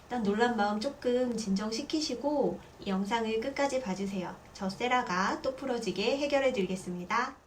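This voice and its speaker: A woman's voice: fairly high pitch, moderate pace, hardly any pauses, noisy background. Chatty woman parenting vlogger. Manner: chatty, lively, acts out quoted voices. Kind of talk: casual talk to camera.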